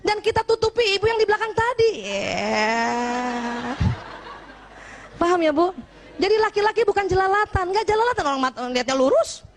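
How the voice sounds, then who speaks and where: High-voiced woman preacher, playful and lively. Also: moderate pace, slight background noise. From Indonesia. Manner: lively and teasing, often asks the audience questions. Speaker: preacher addressing women. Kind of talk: religious talk to a women's gathering.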